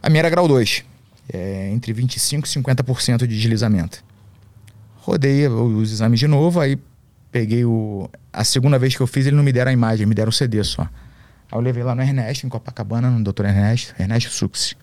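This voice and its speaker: A man's voice: medium pitch, brisk, darkish tone, dry recording. A man, a podcast guest and MMA coach, telling a story in slangy, swear-filled casual talk.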